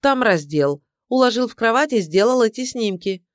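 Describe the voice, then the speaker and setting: A woman's voice: on the high side, expressive, moderate pace, no echo, pitched above the performer's own voice, close to an everyday voice. A tired, sardonic private detective, read by a woman, dry and grudging in how he talks. The tone stays close to the reader's own voice, recorded close and dry for an audiobook. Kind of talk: audiobook character voice.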